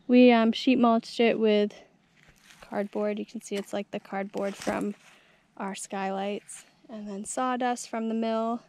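Filmed on a handheld action camera in a rural garden on a hot day, a young woman casually tours her homestead, easygoing, chatty and heavy on fillers. Her voice is on the high side and a little mellow, with slight background noise.

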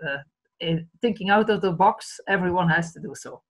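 A Belgian charity director in her fifties, a native Dutch speaker with a Flemish accent, talks earnestly over a video call from her home study. Her voice is fairly low and her pace normal, captured through a laptop webcam with low recording quality.

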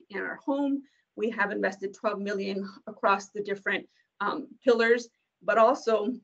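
A woman's voice: medium pitch, gravelly, a bit bright. Woman presenting slides on a video call, lots of ums. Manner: many ums and uhs, brisk. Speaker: corporate community engagement presenter. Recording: dull lo-fi video call audio.

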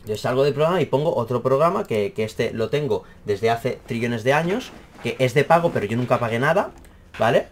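A young man with a Spain Spanish accent, casually explaining a camera problem in an animated, exaggerated way, full of fillers and swearing. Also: medium pitch, brisk. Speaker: math teacher and YouTuber. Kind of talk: casual rambling tech explainer.

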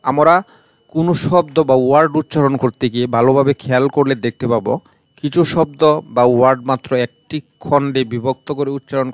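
A man with a Bangladeshi accent teaching an online English lesson, explaining slowly and repeating terms. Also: medium pitch, dry recording. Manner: explains slowly, repeats terms in two languages, breaks words into syllables.

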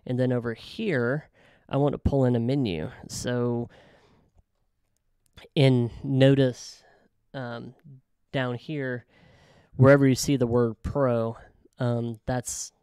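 A man casually talking through a software tutorial, thinking aloud with frequent ums and self-corrections. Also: mid-range voice, level tone, slow pace, pauses often, clean tone, no room sound, clean studio sound. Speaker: web developer tutorial host. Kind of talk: casual screen-recorded software walkthrough.

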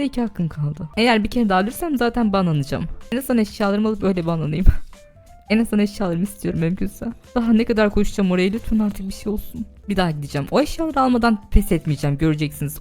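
A woman's voice: mid-range voice, animated, fast, a little mellow, faint music behind. A young woman chatting casually while streaming a game live as server admin, talking to her chat with bursts of laughter and shrieks.

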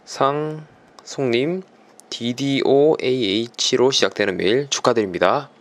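A man's voice: medium pitch, fairly quick, fairly bright tone. A man hosting a YouTube channel, presenting a giveaway winner announcement in polite, formal phrasing.

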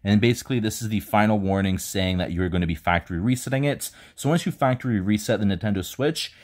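A man hosting a casual tech tutorial, calmly walking viewers through each step while filming indoors on a handheld phone. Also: lowish voice, quick pace. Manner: relaxed step-by-step instructions. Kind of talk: casual how-to walkthrough. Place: indoors, filming over a bed.

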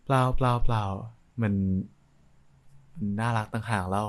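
A young man playing a playful, affectionate boyfriend in an intimate ASMR role-play, talking in a soft, coaxing, teasing way. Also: on the low side, steady tone, moderate pace, clear, resonant tone, natural voice. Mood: tender, affectionate.

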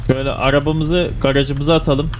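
A man's voice: on the high side, level tone, brisk, slight background noise. A man giving casual gameplay commentary, grumbling and swearing at a laggy game. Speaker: gaming streamer.

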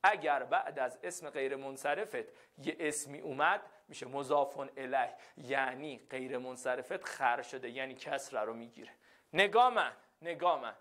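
A man's voice: medium pitch, fairly even intonation, hardly any pauses, fairly bright tone. A male teacher giving a classroom lesson, repeating phrases and often checking that the students follow.

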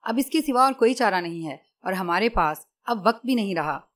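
A woman's voice: medium pitch, lively intonation, moderate pace, natural voice. A woman reading an icy ruthless male agent. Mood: grim. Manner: icy, clipped commands.

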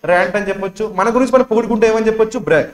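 A man's voice: high-pitched, racing. A man with a Telugu accent teaching an English exam lesson, quizzing students and repeating each answer. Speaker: English teacher for bank exams. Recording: echoey room.

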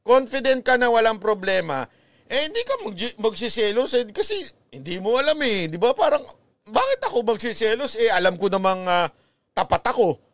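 A man's voice: sits high, big pitch swings, moderate pace, fairly bright tone, dry recording. A man with a Filipino accent giving chatty, teasing commentary, laughing often and mixing Tagalog and English. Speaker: vlogger commentator. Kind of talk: casual commentary.

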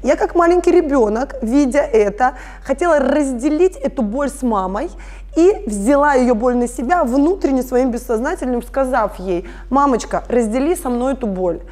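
A woman's voice: sits high, animated, moderate pace, a little mellow. A woman in her thirties, a family constellations facilitator, explaining her work earnestly in an interview. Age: 30s. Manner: earnest, explanatory, addresses listeners directly. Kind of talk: conversational interview.

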